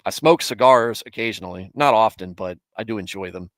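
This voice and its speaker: A man with a fairly low voice talks in a loose, rambling way, starting over mid-sentence and chuckling now and then. His thirties show in his tone as he answers viewers on a casual live stream. The sound is dry and close to the mic. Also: a little fast, no room sound. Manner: rambling, self-correcting, chuckles often. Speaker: streamer hosting a Bible show.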